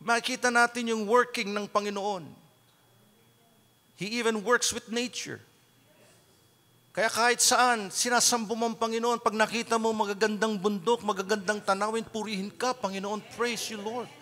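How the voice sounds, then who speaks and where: A man with a Filipino accent preaching a sermon as pastor, mixing Tagalog and English and breaking into loud shouted praise. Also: high-pitched, little pitch movement, normal speed, in a large hall. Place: church sanctuary.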